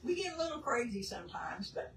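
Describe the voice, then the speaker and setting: A woman's voice: fairly high pitch, big pitch swings, fast talker. Folksy older woman, distant and roomy. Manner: folksy, chatty. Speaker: cooking show co-host. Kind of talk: casual chat. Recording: distant roomy noisy kitchen recording.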